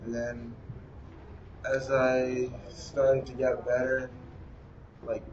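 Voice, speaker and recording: A young man with a Bahamian accent, a basketball player answering interview questions in a relaxed, plain way. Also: medium pitch, very slow. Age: young adult. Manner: relaxed, plain, uses "like" and "you know". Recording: roomy, distant, dull with faint noise.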